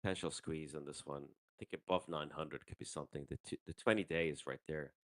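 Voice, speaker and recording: Very deep-voiced man talking trades. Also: steady tone, a little fast, a bit bright, no room sound. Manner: loose and conversational, with fillers and mild swearing. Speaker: host trader on a live stream. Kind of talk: casual live market commentary. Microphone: handheld microphone.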